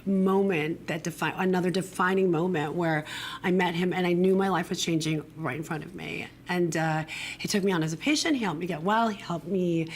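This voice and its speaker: A low-voiced middle-aged woman with a pronounced smoker's rasp. She tells her personal story in a candid, conversational way as an interview guest. Faint noise sits behind her voice. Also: brisk. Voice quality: raspy smoker's rasp from damaged vocal cords. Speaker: guest, acupuncturist and integrative medicine doctor. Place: broadcast studio.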